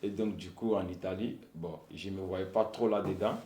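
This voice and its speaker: A man, haltingly recounting his life in a personal testimony. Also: sits low, steady tone, warm tone, a little hiss or hum. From Côte d'Ivoire. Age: 20s. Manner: halting, searching for words. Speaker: young interviewee. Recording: roomy echo.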